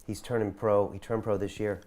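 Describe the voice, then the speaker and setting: A man in his forties hosts an interview in a very deep, low voice. He leads the conversation with steady follow-up questions. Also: fairly quick. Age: 40s. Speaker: interview host.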